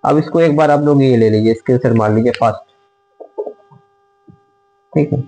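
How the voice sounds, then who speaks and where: A man teaching an online grammar lesson, asking questions and answering them himself, repeating the items slowly as he writes them out. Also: medium pitch, dark tone, poor audio. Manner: drills by asking and answering his own questions.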